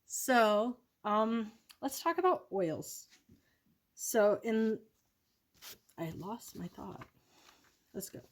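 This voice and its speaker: A woman's voice: medium pitch, expressive, very slow, long pauses. A woman vlogging casually about her product predictions, rambling and correcting herself with many ums.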